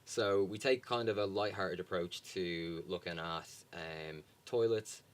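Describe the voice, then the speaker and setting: Deep-voiced young dublin guy, irish accent, lots of ums, chatting as a guest. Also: measured pace. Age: young adult. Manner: relaxed, many ums and restarts. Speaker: charity guest. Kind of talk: casual interview.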